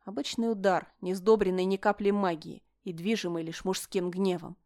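A woman narrating a novel aloud in steady, expressive storytelling. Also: mid-range voice, normal speed. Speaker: audiobook narrator. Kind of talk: scripted narration.

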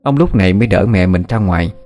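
Low-voiced male story narrator. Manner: steady, measured storytelling. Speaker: audiobook narrator. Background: soft background music.

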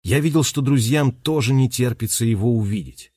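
A man narrating a children's audiobook in an expressive way, giving each character a voice. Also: medium pitch, moderate pace, slightly rough, no room sound, clean studio sound. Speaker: audiobook reader.

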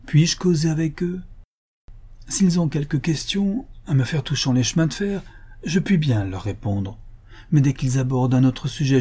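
A man with a medium-pitched voice plays a sick, bitter, heavy-drinking old builder who is rich, speaking gruffly in a raised voice that erupts into loud outbursts.

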